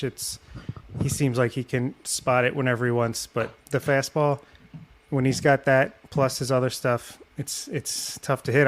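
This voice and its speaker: Dude chatting on a podcast, hedges a lot, average pitch. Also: male voice. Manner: thinking aloud, hedging. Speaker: podcast co-host. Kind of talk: casual chat.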